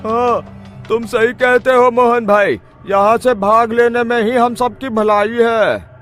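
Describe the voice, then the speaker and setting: A man voicing a frightened male villager in a cartoon, shouting in a high panicked voice. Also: fairly even intonation, slow, soft background music, exaggerated voice. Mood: alarmed. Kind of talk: cartoon voice acting.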